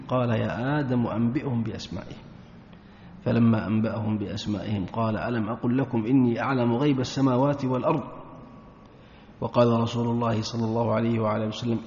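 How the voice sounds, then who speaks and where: Gravelly male teacher in an echoey hall. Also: medium pitch, darkish tone, a little hiss or hum. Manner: reads chains of narrators quickly, slows and rises for emphasis. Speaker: Islamic teacher. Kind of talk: religious lesson reading and explaining a classical text. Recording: echoey hall, dull lo-fi sound.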